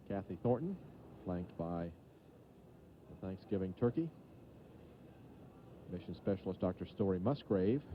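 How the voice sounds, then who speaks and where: A man giving live mission commentary as a launch control announcer, measured and matter-of-fact, on archival broadcast audio. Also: low-pitched, narrow, tinny audio, slight background noise.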